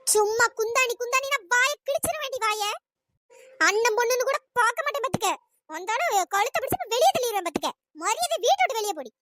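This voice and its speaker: A performer voicing a domineering older mother-in-law who shouts and berates her daughter-in-law in a cartoon. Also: very high-pitched, lively intonation, quick pace, a little hiss or hum, heavily acted. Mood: angry. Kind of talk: cartoon voice acting.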